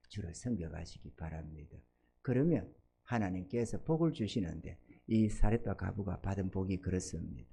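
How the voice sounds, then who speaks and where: A middle-aged pastor preaching a sermon, animated, often acting out voices in his preaching and calling for amens. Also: fairly low pitch, vocal fry, husky. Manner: animated preaching, acts out God's and believers' voices, calls for amens.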